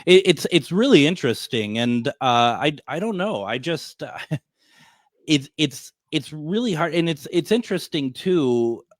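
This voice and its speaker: A man's voice: fairly high pitch, sing-song, a little slow, no echo. Man in his fifties hosting radio, rambling and jokey, dry close sound. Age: 50s. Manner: rambling, many restarts, jokey. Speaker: radio show host. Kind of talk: casual interview chat.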